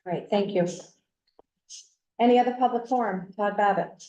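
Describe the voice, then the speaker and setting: A woman chairing a town meeting, brisk and businesslike with short prompts. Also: medium pitch, mellow, roomy sound, muffled recording.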